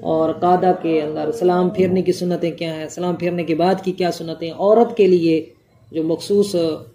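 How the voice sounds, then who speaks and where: A woman's voice: lowish voice, fairly even intonation, normal speed, dark tone. A woman giving a religious jurisprudence lesson, going point by point and answering her own questions. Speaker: religious teacher.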